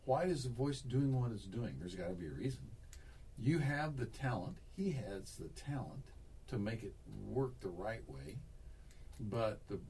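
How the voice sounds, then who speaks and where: A man's voice: fairly low pitch, darkish tone, far from the mic, slight background noise. A man giving a one-on-one singing lesson, coaching and demonstrating exercises, repeating himself as he explains. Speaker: voice teacher.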